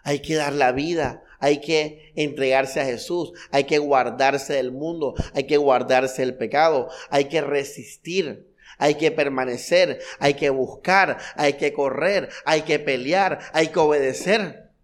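A fervent male pastor preaches in a church hall. His voice sits a touch high for a man, and he keeps firing rhetorical questions and repeated phrases at the congregation, dropping soft and low before rising to loud, high bursts. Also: slow pace. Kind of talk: sermon.

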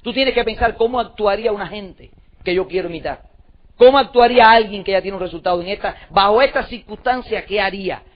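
Brisk, emphatic male motivational speaker, high-pitched, who hammers points with repetition; muffled lo-fi recording. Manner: emphatic, repetitive, rhetorical questions. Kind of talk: motivational talk to an audience. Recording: dull lo-fi recording.

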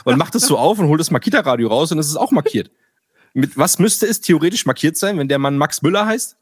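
Casual podcast co-host, male, somewhat higher voice, lively anecdote-teller, dry close sound. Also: fast, husky, dry recording. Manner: animated storyteller, acts out dialogue, swears casually. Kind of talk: casual chat.

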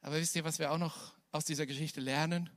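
A man preaching a sermon, moving from soft, slow, hushed passages to loud, high, almost shouted climaxes. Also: steady tone, no echo, studio quality.

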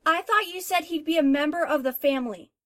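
A woman playing an eager, excitable teenage daughter, in a high voice. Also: brisk.

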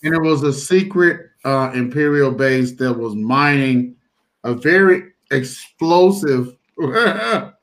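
A man's voice: mid-range voice, animated, slow pace, fairly bright tone. A male co-host on a stream, chiming in with short remarks during a casual chat.

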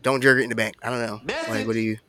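A man's voice: on the low side, flat delivery, racing, crowd noise. A man co-hosting a podcast in loose, rambling casual chat, often correcting himself mid-sentence. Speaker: podcast co-host.

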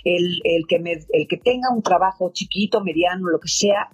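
A woman's voice: fairly low pitch, moderate pace, husky. A Mexican woman who leads a codependency support group, giving rambling, chatty advice full of fillers. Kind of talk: casual advice talk. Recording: dull lo-fi audio with faint music.

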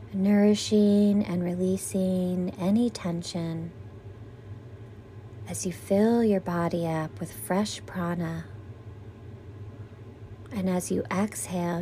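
A woman leading a guided meditation as its teacher, soothing and gentle like a sleep story narrator, with breathy exhales on breathing cues. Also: lowish voice, a little hiss or hum.

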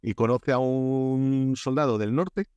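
A man's voice: mid-range voice, takes it slowly, clear, resonant tone, no room sound, highs cut off. A man from Spain with a Spanish accent, a guest in a casual podcast interview, telling stories with lots of fillers and restarts. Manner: animated storyteller, many restarts and fillers. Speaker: guest, Korea expert.

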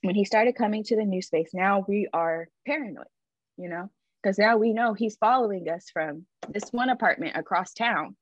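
A woman's voice: medium pitch, moderate pace, no echo, muffled recording. A woman guest on a podcast, telling a personal story in a candid, emphatic way, often adding "like" and "right?".

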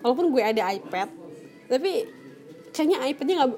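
A woman's voice: sits high, lively intonation, normal speed, dark tone. A young woman from Indonesia, hosting a podcast and telling a personal story in casual talk, speaking chattily and laughing often while addressing her listeners. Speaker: podcast host.

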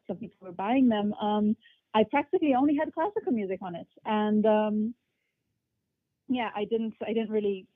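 Speaking in a fairly high voice, this young adult flautist guest grew up with English and Portuguese and has a mixed international English accent. She works through interview questions with care, using fillers and restarting sentences. There's no room sound, and the line is thin and phone-like.

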